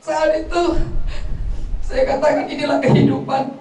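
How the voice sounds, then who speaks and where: High-voiced woman giving a heartfelt eulogy. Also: steady tone, measured pace, warm tone, a little hiss or hum. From North Sumatra. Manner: heartfelt storytelling, quoting family members. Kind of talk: eulogy at a funeral gathering. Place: funeral gathering at a home. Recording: echoey room, voice from far off the mic.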